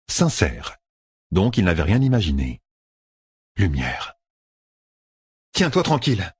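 A man reading a fantasy novel aloud as an audiobook narrator, in a measured, even way. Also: low-pitched, slightly rough, dry recording.

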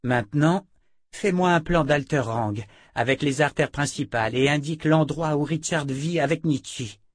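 A man reading an audiobook, voicing a commanding woman inquisitor who is stern with enemies and gentle with a child. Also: a little high, normal speed, no room sound, studio quality, pitched above the performer's own voice, natural voice. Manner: commanding, firm.

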